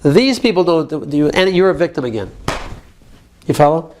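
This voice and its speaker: High-voiced man coaching a group. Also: lively intonation, normal speed, a little mellow, slight background noise. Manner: directive, checks in often. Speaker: support group facilitator. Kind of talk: therapeutic coaching.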